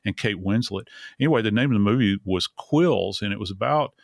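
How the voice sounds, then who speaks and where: A low, gravelly-voiced man talks through a true crime case in an earnest, drawn-out way. He stops and restarts often as he searches for words. The sound is dry and close. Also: no room sound. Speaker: forensic expert co-host. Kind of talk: true crime podcast discussion.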